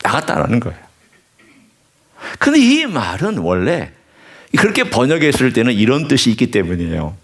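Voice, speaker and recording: A man preaching a sermon as a pastor, dropping to low asides and rising to impassioned, high peaks. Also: huge pitch swings, fairly quick.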